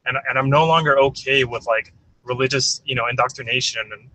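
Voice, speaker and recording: A man's voice: mid-range voice, fairly even intonation, sharp tone. A man calling into a talk show on a phone from his car while driving, rambling and restarting as he talks. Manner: rambling, halting, many restarts. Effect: phone call from a moving car. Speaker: caller. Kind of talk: call-in chat.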